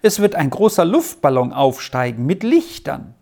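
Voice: mid-range voice, sing-song, normal speed, warm tone. A reader voicing an eager boy who calls out to his friend, urging him to come, in a storybook reading. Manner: urgent, calling out.

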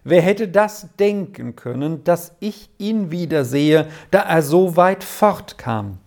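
A reader voicing an excitable old village woman who cries out high and shrill with drawn-out exclamations. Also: creaky. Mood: overjoyed. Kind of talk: audiobook character voice.

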